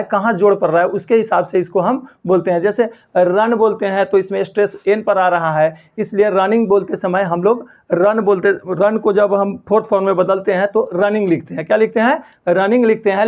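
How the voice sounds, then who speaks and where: A man's voice: high-pitched, creaky. A man teaching a spelling lesson, who keeps asking his own questions and answering them. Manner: repeats key points as questions and answers them himself. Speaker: English teacher. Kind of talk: spoken lesson explaining spelling rules. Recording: dull lo-fi sound.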